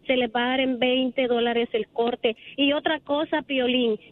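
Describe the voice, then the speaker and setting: A woman's voice: sits high, steady tone, measured pace, a crowd in the background. A woman from El Salvador, a salon owner calling in to a radio show and talking earnestly and at length about her life. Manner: earnest, talkative, emotional storytelling. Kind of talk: casual phone-in chat. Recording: tinny phone line.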